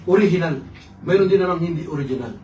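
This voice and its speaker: A man's voice: fairly high pitch, expressive, quick pace, a little mellow, highs cut off, faint music behind. A male pastor preaching a playful sermon in a church hall, mixing in English and keeping up a call-and-response with his congregation. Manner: call-and-response, keeps asking "right?". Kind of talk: Taglish sermon. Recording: echoey hall, mic far off, noisy.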